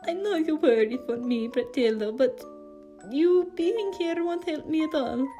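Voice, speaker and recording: A woman reading a fanfic aloud, voicing a gentle, sad young man who speaks softly. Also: sits high, animated, measured pace, faint music behind, voice pushed up. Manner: soft, weak.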